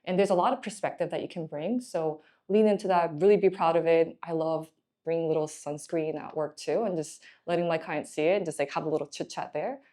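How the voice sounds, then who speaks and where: A young Korean woman who works as a management consultant offers candid, encouraging career advice in a chatty way. Her voice is low and dark-toned, and she talks briskly.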